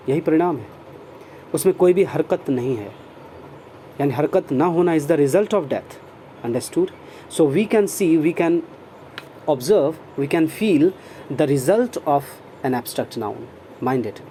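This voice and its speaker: A man giving a grammar lesson, explaining in Hindi and reading sentences out slowly, word by word. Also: on the high side, warm tone, a little hiss or hum. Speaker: English grammar teacher. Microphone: phone screen recording.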